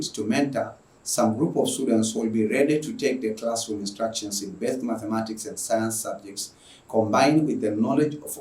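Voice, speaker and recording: A man's voice: fairly low pitch, a little mellow, far from the mic. A man from Tanzania giving a spoken introduction to his online school lessons, often restarting and repeating words as he goes. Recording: roomy sound, voice away from the mic.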